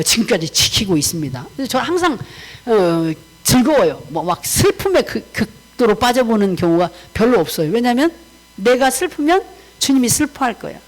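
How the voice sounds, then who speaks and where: A woman missionary giving a personal testimony to a congregation in a warm, conversational way, mixing casual and polite speech and acting out remembered conversations. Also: fairly high pitch, low-quality recording. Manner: animated storytelling, acting out remembered dialogue.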